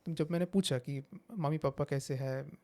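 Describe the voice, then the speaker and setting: Mellow-voiced psychiatrist explaining calmly. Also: male voice, a little high. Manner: measured, explains with examples, mixes English phrases. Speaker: psychiatrist guest. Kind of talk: explanatory interview talk.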